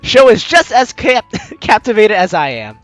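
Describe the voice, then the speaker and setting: Very animated and a little slow, this medium-pitched voice has a fairly bright tone and no echo. It belongs to a let's player who teases and jokes while narrating the game's story aloud against game music.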